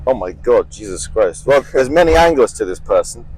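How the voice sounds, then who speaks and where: A man's voice: mid-range voice, very animated, fairly quick, darkish tone, breathy edge, low-quality recording. A young man from Eastern Europe, a guest in a casual interview, talking bluntly with lots of swearing and self-mockery. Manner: blunt, profane, self-mocking.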